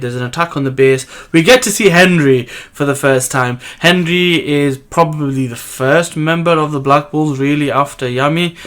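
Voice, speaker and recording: A man's voice: medium pitch, fairly bright tone. A man hosting a manga review channel, recapping the chapter in a casual, rambling way with many fillers and self-corrections.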